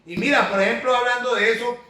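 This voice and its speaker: High, bright-voiced man preaching in an echoey room. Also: steady tone, fast talker, far from the mic. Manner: emphatic, asks questions and answers them. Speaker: spiritual coach. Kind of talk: preaching talk. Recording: echoey room, away from the mic.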